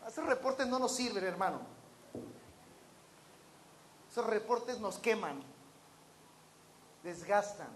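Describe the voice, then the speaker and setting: A man's voice: high voice, expressive, unhurried, a little hiss or hum. A man preaching a sermon to a congregation, throwing out rhetorical questions and acting out the voices of the people in his stories. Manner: acts out quoted voices of others.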